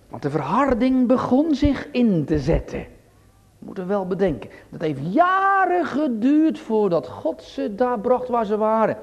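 Male preacher in a church, dramatic delivery with loud appeals and quiet asides; high, very animated voice. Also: muffled recording. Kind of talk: sermon.

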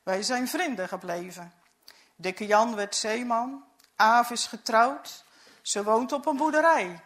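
A woman's voice: on the high side, slow, a bit bright. A woman reading a story aloud in the first person, in an earnest, reflective way. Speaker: narrator.

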